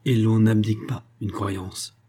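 A man's voice: on the low side, little pitch movement, warm tone, slightly rough. A man reading a bitter young officer. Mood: grave. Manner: grave, measured, growing harsh.

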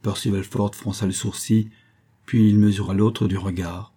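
Man, audiobook narrator, measured literary reading, dark mellow voice, husky. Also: fairly low pitch, fairly even intonation.

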